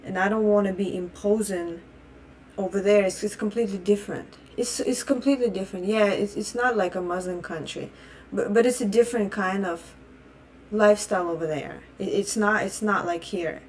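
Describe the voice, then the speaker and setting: In a steady, darkish mid-range voice at a moderate pace, a young Russian vlogger who speaks Russian natively rants her opinions. She is blunt and profane, heated, and keeps restarting her phrases. A little hiss or hum is audible.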